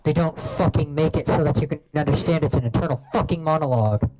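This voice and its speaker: A man's voice: a little high, fast talker, darkish tone, low-quality recording. A man co-hosting a casual podcast chat, heated and swearing constantly.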